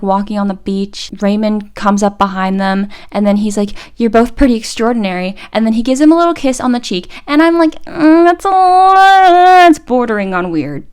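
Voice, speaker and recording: A young woman vlogger retelling a film from memory in a casual, filler-heavy way, acting out lines in a higher voice. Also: a little mellow, clean tone. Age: young adult. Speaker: YouTuber. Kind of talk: casual chatty movie recap.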